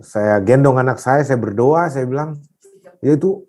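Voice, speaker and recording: A pastor telling a dramatic personal testimony in an interview, animated, rising at times to loud prayer. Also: male voice, mid-range voice, moderate pace.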